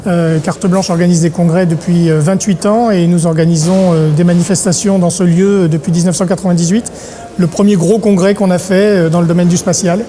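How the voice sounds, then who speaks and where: A middle-aged man from Paris, an event organizer talking in an interview, pausing often on filler sounds. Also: high voice, steady tone, dark tone. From Paris, France. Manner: hesitant, many filler sounds. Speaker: congress organizer. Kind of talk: interview monologue.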